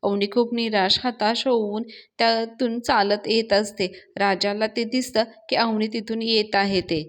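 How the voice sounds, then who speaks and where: Brief: woman reviewer retelling a TV episode, slightly high voice. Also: level tone, unhurried. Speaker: serial reviewer. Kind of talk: TV serial episode recap narration.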